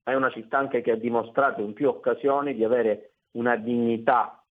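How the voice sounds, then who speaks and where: Phone guest: a man from Palermo with an ordinary-pitched voice, heard over a thin phone line, making emphatic political points. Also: steady tone, a little fast. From Palermo, Sicily. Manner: emphatic, speech-like campaigning. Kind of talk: radio interview by phone.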